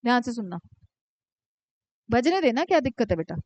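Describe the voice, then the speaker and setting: A high-pitched woman teacher runs a lively class. She stops to tease and scold students by name, then dictates word by word. Her voice sounds close and dry, with no room echo. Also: normal speed. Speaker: commerce teacher. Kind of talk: live classroom lecture.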